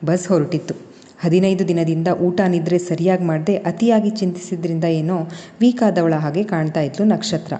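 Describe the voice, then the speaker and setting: A woman narrating a romantic family story in a measured, expressive way. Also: fairly low pitch, in a large hall.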